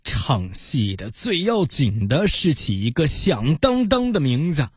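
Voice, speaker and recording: A man's voice: a little high, sing-song, unhurried, breathy edge, no echo, clean studio sound, heavily acted. A man voicing an anxious theatre owner who lectures urgently, in a children's storybook reading.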